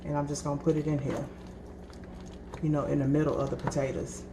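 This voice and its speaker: A woman's voice: sits low, little pitch movement, brisk. A woman vlogger cooking at home, talking casually and rambling, calling her viewers y'all. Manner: chatty and rambling, keeps addressing viewers as y'all. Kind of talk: casual cooking vlog chat. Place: home kitchen. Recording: echoey room with background noise.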